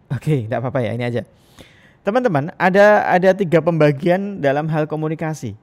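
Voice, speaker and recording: Energetic male lecturer. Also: fairly high pitch, a little fast. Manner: energetic, rising and falling intonation. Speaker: university lecturer. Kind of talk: recorded online lecture.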